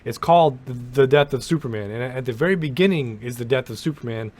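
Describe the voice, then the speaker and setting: A man's voice: mid-range voice, quick pace, darkish tone. A young man giving a casual, rambling rant about a movie, with swearing and lots of restarts. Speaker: movie commentator. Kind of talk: casual ranting movie commentary.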